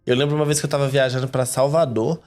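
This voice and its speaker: A man's voice: mid-range voice, little pitch movement, quick pace, a little mellow, soft background music. A Brazilian man guesting on a podcast, chatting casually and reacting expressively. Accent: Brazilian Portuguese. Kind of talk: casual chat.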